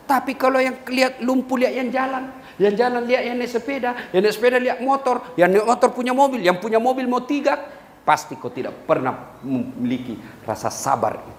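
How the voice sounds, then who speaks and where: Animated male preacher in an echoey hall. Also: brisk. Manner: animated, swoops high for punchlines, sings snatches of songs. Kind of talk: humorous sermon. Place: live gathering. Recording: echoey hall with faint ambience.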